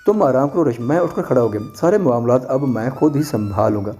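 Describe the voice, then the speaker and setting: A man reading a first-person detective story aloud in a steady, measured way. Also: mid-range voice. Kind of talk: scripted first-person narration.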